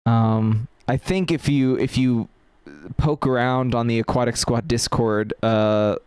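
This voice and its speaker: A man's voice: medium pitch, steady tone, measured pace, darkish tone, smooth, dry recording. A man hosting a casual chat, rambling with lots of fillers and restarts. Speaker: podcast host.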